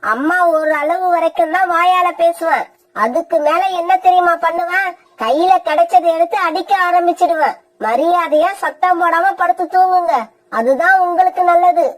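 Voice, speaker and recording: A high-voiced cartoon mother bird with a sharp, sarcastic tongue, as a woman acts her out. She scolds and threatens in quick, biting phrases. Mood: scolding.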